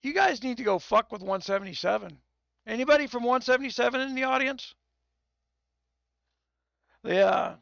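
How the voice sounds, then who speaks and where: A hoarse, tipsy man hosts a live game stream, rambling and swearing through restarts. His voice sits high and is heavily gravelly. The audio is dull and dry, like a lo-fi stream mic. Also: lively intonation, normal speed, long pauses, a bit bright, dry recording. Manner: rambling and profane, with many restarts. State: tipsy from whiskey. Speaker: game livestreamer.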